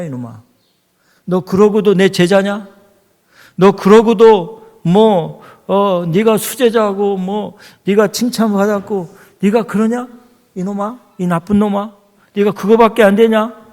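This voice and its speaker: A man's voice: high voice, a little mellow. A male pastor acting out a stern older teacher harshly rebuking his pupil, in a reverberant church hall.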